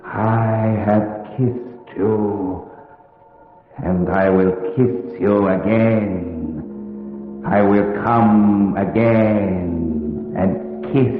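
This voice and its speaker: Slow, deep, echoing Count Dracula. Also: male voice. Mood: hypnotic seduction. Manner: slow, incantatory, theatrical. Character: Count Dracula, commanding seductive undead vampire. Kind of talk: old-time radio horror acting. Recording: muffled old radio, echoing hall, music underneath.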